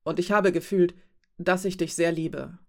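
A self-doubting young woman from a storybook, read by a woman narrator. She speaks calmly and matter-of-factly, with a low-key, even delivery. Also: moderate pace, vocal fry. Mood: earnest. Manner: calm, matter-of-fact. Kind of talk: audiobook character voice.

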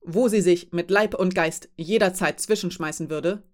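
A woman reading an audiobook voices a huge, calm female ship captain who gives orders in a factual, firm tone. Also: fairly low pitch, moderate pace, close to an everyday voice. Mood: calm, commanding. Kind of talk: audiobook character voice.

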